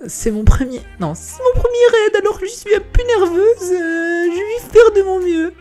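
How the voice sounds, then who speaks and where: Yoo Sun-yoon, a man doing a squeaky young huntress. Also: animated, slow, darkish tone, faint music behind, exaggerated voice. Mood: nervous. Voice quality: high falsetto. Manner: squeaky, giddy, exaggerated. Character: young female hunter, nervous then trigger-happy.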